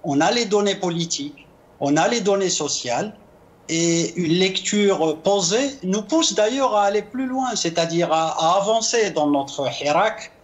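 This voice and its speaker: A man speaking as a guest consultant in a political interview, formal and measured with hesitant starts. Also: high-pitched, expressive.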